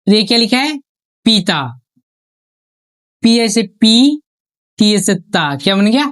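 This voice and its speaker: Slow, syllable-stretching woman teacher. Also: animated. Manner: asks questions and answers them herself, stretching out each syllable; dropping pitch on each finished word. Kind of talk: online spelling lesson.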